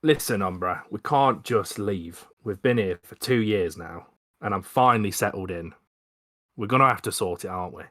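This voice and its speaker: A man's voice: fairly low pitch, moderate pace, a bit bright, dry recording, clean studio sound, close to an everyday voice. A man voicing a cheerful, easygoing adventurer in a put-on Cockney accent during a tabletop game. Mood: breezy. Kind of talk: tabletop role-play voice.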